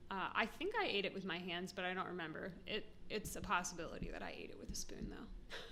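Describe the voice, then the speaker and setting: A woman's voice: medium pitch, fairly bright tone, slight background noise. An American woman vlogging to camera, chatty and self-deprecating, often laughing. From United States. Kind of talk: casual talk to camera.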